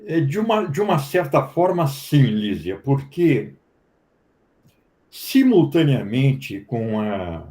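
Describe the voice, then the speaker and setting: A man with a Brazilian Portuguese accent, a professor explaining history to a study group in an unhurried lecturing manner with frequent tag questions. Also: medium pitch, very animated, mellow. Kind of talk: academic discussion.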